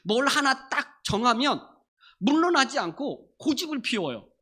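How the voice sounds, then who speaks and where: Brief: bright, animated pastor preaching a Sunday sermon; emphatic, repeats lines for weight. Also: high-pitched, a little slow. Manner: emphatic, repeats and restates phrases. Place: church service.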